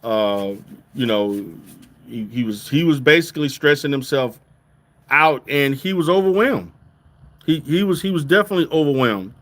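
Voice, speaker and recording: A middle-aged man talks casually to his viewers at an ordinary mid-range pitch. He restarts sentences often and keeps checking in with a quick "okay?" as he makes his points. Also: lively intonation, a bit bright. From Louisiana. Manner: repetitive restarts, emphatic "okay?" check-ins. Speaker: therapist.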